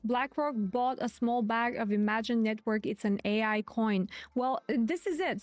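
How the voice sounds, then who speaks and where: With a slightly high voice and no echo, this woman streams live crypto market commentary. She's chatty and keeps circling back to her main points.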